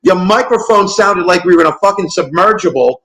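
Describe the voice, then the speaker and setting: A man co-hosts a livestream chat, his voice sitting a little high for a man. He rants loudly and swears in almost every sentence. His talk is casual and heated. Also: lively intonation, brisk. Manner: loud, ranting, swears constantly. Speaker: livestream co-host.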